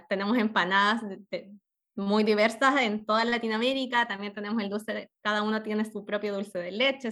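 A young woman from northern Chile with a Chilean accent, speaking as a guest in a radio interview and pausing often to choose her words. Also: mid-range voice, bright, forceful tone. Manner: thoughtful, with frequent fillers and self-corrections. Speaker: podcast host interviewed as guest.

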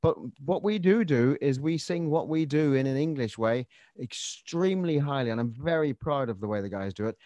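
A man's voice: medium pitch, expressive, moderate pace, hardly any pauses, mellow, dry recording. A man from Ireland, a choir's musical director, chatting as a guest on a radio interview with many restarts.

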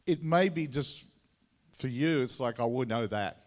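A man with a Tasmanian Australian accent gives an informal sermon as a visiting preacher, halting and conversational, often repeating his words. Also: medium pitch. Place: large room or hall, speaking to a congregation. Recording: echoey hall with long reverb.

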